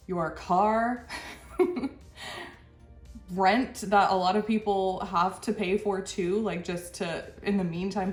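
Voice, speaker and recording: This channel host has a low-leaning, slightly mellow voice and sounds congested from a cold as she does a reaction commentary. Her delivery is frank and exasperated, broken up by short laughs, and the echoey room carries faint music.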